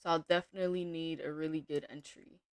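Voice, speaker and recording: A woman day trader giving casual live-stream commentary from her home desk, thinking aloud in a relaxed way with small restarts. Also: low-pitched, fast talker, smooth, no echo, studio quality.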